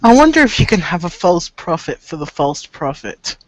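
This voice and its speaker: A man with a fairly high voice hosts a loose live stream, relaxed and dry in his remarks. The sound is close and free of room echo. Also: moderate pace. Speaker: stream host. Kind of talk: casual chat.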